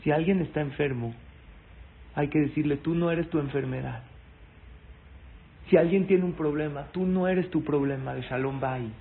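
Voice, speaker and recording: A man giving a sermon, telling stories in an animated way and asking his audience questions. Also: fairly high pitch, moderate pace. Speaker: rabbi giving a talk. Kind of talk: live-streamed sermon with storytelling. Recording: tinny phone-like sound, faint noise.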